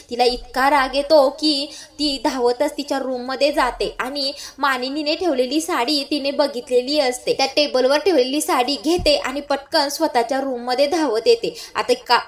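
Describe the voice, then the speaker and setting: A woman narrating a TV serial recap, telling the story in a lively way and addressing viewers directly. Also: high voice.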